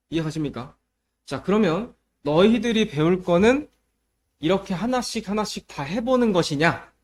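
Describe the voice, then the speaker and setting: A man teaching a middle school math lesson, explaining step by step and often checking that students follow, moving between polite and casual speech. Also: a little high. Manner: explains step by step and checks understanding with repeated questions.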